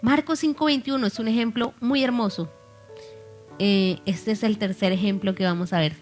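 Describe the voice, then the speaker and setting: A woman's voice: mid-range voice, steady tone, normal speed. Woman preaching a sermon over faint music. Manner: reads scripture aloud, then asks the listeners questions.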